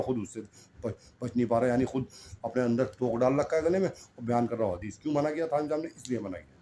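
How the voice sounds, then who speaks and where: A man's voice: on the low side, warm tone, a little hiss or hum. A middle-aged man preaching a sermon in an impassioned, scolding way, firing off rhetorical questions.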